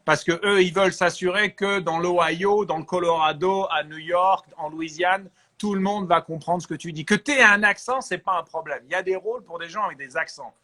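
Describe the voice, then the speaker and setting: Bright-voiced man giving advice. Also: high voice, fairly quick, few pauses. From France. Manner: animated, advice-giving, chatty with fillers. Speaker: guest actor. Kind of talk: casual interview chat.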